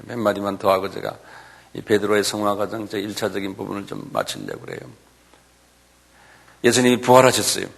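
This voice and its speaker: A middle-aged male pastor preaching a sermon, acting out quoted lines with shouts and often asking the congregation "예?". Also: on the low side, expressive, fairly quick, creaky, long pauses. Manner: acts out quoted voices, shouting and pleading; asks the audience "예?" often.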